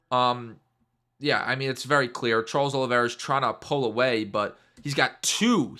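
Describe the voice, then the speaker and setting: A young man giving a casual, mocking breakdown of a fight, animated and fond of repeating his catchphrases. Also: medium pitch. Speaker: MMA YouTuber.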